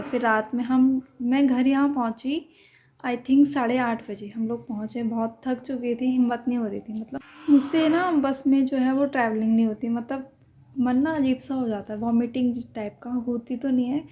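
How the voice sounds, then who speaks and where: A young woman talks into her phone camera in a casual vlog, piling up fillers as she tells it. Her voice sits a little high. Faint background noise runs under her. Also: mellow. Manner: chatty, recounting with many fillers. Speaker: vlogger.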